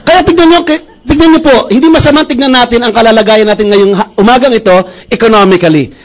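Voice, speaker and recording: A middle-aged man from Bacolod in the Philippines, a pastor giving a motivational testimony speech, telling stories in a lively way and acting out the dialogue. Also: very high-pitched, poor audio. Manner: animated storyteller who acts out dialogue.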